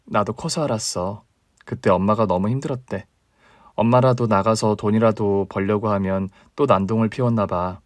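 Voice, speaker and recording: A man doing a calm, low older sister. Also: moderate pace, no room sound, natural voice. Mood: somber. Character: young woman, steady caring older sister. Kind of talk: radio drama reading.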